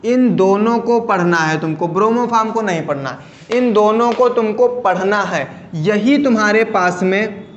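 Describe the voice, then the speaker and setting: A man with a high voice teaches a chemistry lesson for video, pausing to ask his students questions and repeating each answer. He speaks slowly and stretches out key terms. The sound is roomy and echoey. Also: muffled recording.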